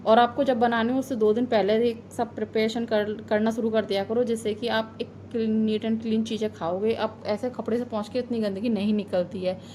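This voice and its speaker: Chatty high-voiced mother vlogging at home. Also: flat delivery, normal speed, few pauses, dark tone, a little hiss or hum. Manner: chatty, homely, advice-giving, drifting into heartfelt reflection. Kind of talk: casual vlog voice-over.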